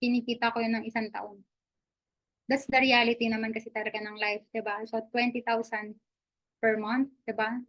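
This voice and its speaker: A woman's voice: on the high side, flat delivery, moderate pace, fairly bright tone. A woman giving a live online business presentation, chatty and upbeat, switching between English and Tagalog, often asking "di ba?" and laughing as she talks. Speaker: affiliate marketing presenter.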